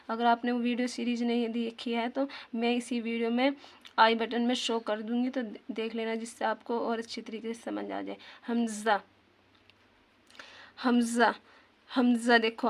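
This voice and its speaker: A woman teaching a tajweed lesson on Arabic letter sounds. She patiently repeats terms, asks questions back to the viewer, and slows down to demonstrate pronunciation. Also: on the high side. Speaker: Quran recitation teacher.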